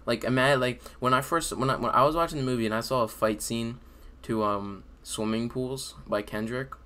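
A man's voice: medium pitch, normal speed, bright, forceful tone. A man in his late teens hosting a podcast, chatting casually and informally from his room at home. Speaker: podcast host. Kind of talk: casual chat. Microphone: desk microphone on video call.

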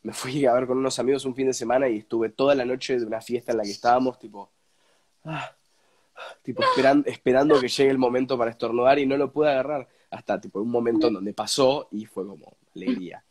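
A young man with an Argentine accent, congested and snotty from a cold, chatting casually as an interview guest and haltingly repeating words as he searches for phrasing. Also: mid-range voice, fairly even intonation, darkish tone. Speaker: interview guest, radio presenter. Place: indoors at home, on a video call.

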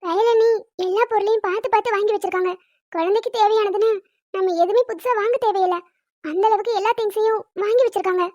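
Sharp-tongued young wife, very high and quick, voiced by a woman, dry sound. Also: steady tone, no echo, muffled recording. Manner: scolding, quick commands. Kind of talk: Tamil cartoon dubbing.

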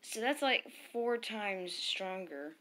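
Excitable woman doing slow game commentary. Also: mid-range voice. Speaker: gamer playing online battles. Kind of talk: live gameplay commentary.

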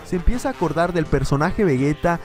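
A man hosting a reaction video, reading a fan comic aloud and acting out the characters' lines with shouts. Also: on the high side, quick pace, over music. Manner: animated, acts out characters' lines with loud yells.

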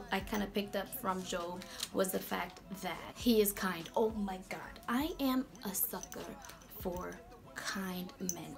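A woman hosting a casual Bible talk vlog in a chatty, slangy, animated way. Her voice is going hoarse. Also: mid-range voice. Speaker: video host.

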